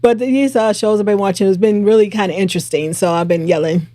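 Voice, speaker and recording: A woman's voice: mid-range voice, fast, no room sound. Laid-back woman co-hosting a podcast. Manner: relaxed, laughs often, many fillers. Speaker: podcast co-host. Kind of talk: casual live-stream chat.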